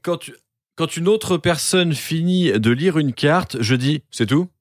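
A man's voice: fairly high pitch, lively intonation, measured pace, no echo, clean studio sound. Teasing man with a bouncy voice. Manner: teasing, repeats a catchphrase, laughs often. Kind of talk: casual chat while playing a party card game.

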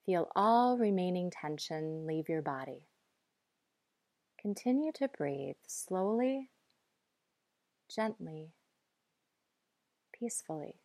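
A woman guiding breathing and muscle relaxation in a calm, measured, instructive way. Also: on the low side, no room sound. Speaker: guide.

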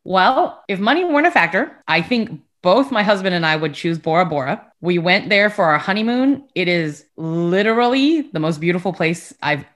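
A young adult woman from the United States co-hosts a podcast, chatting casually with a friend and laughing often. Her voice is on the low side, expressive and a bit bright, at normal speed with hardly any pauses. She comes across as giggly and chatty.

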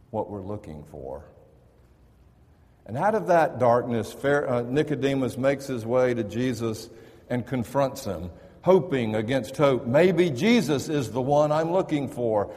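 A man's voice: medium pitch, expressive, takes it slowly, a little mellow, in a large hall. A man preaching a sermon in a conversational, storytelling manner. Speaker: pastor.

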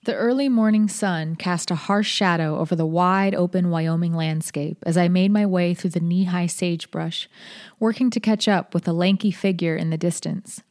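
Woman narrating a story, slightly low pitch. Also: moderate pace, darkish tone. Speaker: podcast host and narrator. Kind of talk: scripted first-person storytelling narration.

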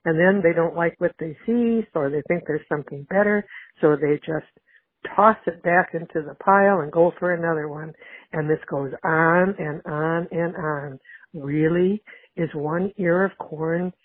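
A woman's voice: deep voice, moderate pace, breathy edge, dry recording. A woman leaving a voicemail for a podcast as a listener caller, chatty and mildly exasperated as she complains. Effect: voicemail played over a phone line. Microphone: telephone. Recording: tinny phone-line voicemail.

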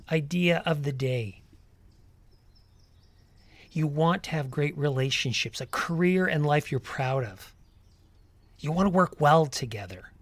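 A man's voice: fairly high pitch, dry recording. A man hosting a guided mindfulness walk, speaking directly to the listener in an encouraging, instructive way. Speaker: host of a guided mindfulness walking podcast. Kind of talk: guided walking meditation and motivational talk.

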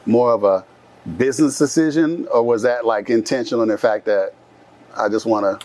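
A man hosts a relaxed interview in an upbeat, encouraging way. He speaks informally, with slangy affirmations and easygoing questions. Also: medium pitch, moderate pace, no echo. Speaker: podcast host. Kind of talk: casual interview chat.

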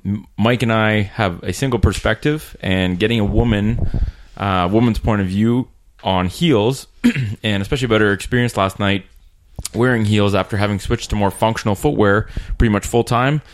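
Male podcast host, lowish voice, conversational and halting, recorded in a small room. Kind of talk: casual interview chat. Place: small room in a rented apartment.

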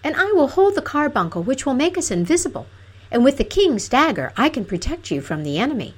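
Woman doing a soft timid princess, goes way up high, very bouncy. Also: very animated, fairly quick. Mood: pleading. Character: gentle young princess, timid and sweet.

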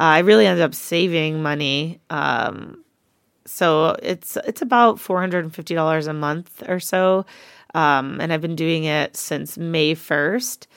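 Woman, 40s, podcast co-host; frank, casual, lowish voice, dry close recording. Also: creaky, fairly bright tone, smooth, dry recording. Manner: candid, frank, with frequent ums. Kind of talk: casual chat.

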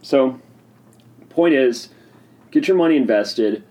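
Excitable man hosting a podcast. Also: mid-range voice, takes it slowly. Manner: excitable, rambling, opinionated; sipping a drink while talking. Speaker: podcast host. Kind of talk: casual solo podcast monologue.

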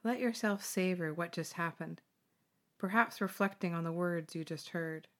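Gentle woman guiding a meditation. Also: lowish voice. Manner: slow, soothing, gentle pauses. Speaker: meditation guide. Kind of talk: guided meditation.

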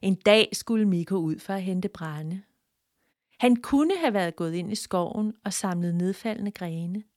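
A woman as storyteller, narrating a children's folk tale calmly and clearly with gentle expression. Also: medium pitch, no echo, studio quality.

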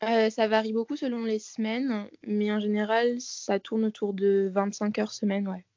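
A woman's voice: medium pitch, little pitch movement, moderate pace, dark tone, no echo. An eighteen-year-old woman, a dancer, chatting loosely with plenty of fillers while heard over a phone call line. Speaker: dancer, interview guest. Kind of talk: casual chat.

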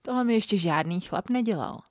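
A woman's voice: mid-range voice, animated, no room sound, lightly acted. A woman voicing a bold, playful woman who talks in a brash, mocking way. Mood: teasing.

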